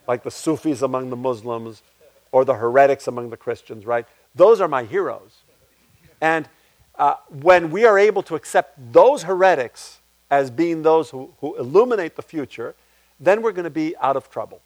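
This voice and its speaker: A man's voice: normal speed, dry recording. A man, a playwright, answering audience questions at a public talk in a reflective way, restarting his sentences often. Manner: reflective, restarts often, animated pitch swings. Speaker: guest speaker, playwright.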